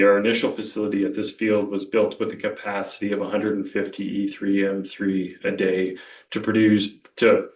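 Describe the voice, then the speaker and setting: On an earnings call, a company executive presents operations in a deep, flat male voice, walking through slides in a measured, technical way with some restarts. The conference call audio sounds roomy and distant.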